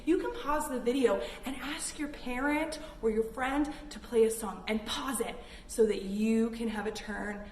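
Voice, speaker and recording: This Canadian woman's voice sits on the high side with a darkish tone, moving at a moderate pace with few pauses. She's doing a children's read-along and yoga session, offering simple encouragement, recorded indoors with echo, a far-off mic, and noise behind her.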